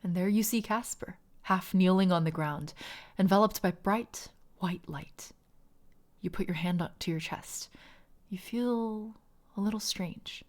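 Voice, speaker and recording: A woman streamer reading a game's second-person narration aloud in a measured, softly dramatic way. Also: medium pitch. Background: faint game music.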